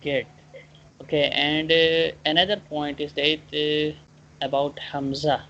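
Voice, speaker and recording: A Quran teacher giving a one-on-one online lesson, explaining and drilling pronunciation haltingly, repeating points and often checking understanding. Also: mid-range voice, little pitch movement, bright, forceful tone. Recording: dull lo-fi online call, clear background noise.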